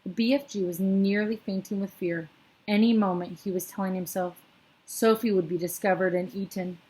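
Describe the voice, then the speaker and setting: A woman reads a children's book aloud at an even, middle pitch. Her telling is steady and plain, now and then catching a slip and fixing it. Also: normal speed, low-quality recording. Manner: steady reading with small slips. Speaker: storyteller.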